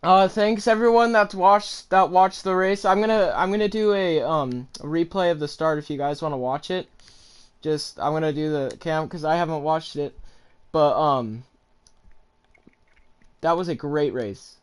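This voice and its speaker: A young man hosting a racing game stream, chatting excitedly and casually with other players. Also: fairly high pitch, unhurried, smooth. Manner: excited, chatty, says dude a lot. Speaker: streamer hosting an online race. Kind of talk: casual live-stream chat.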